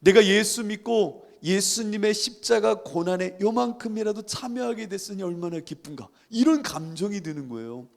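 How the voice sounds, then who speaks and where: A man's voice: high voice, expressive, normal speed, creaky, few pauses. A middle-aged male pastor preaching a sermon with fervent, emotional storytelling.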